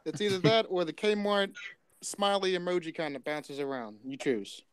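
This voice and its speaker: A man's voice: sits high, normal speed, clear, resonant tone, dry recording. A man on a casual livestream panel, throwing in teasing, jokey asides. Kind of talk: casual chat.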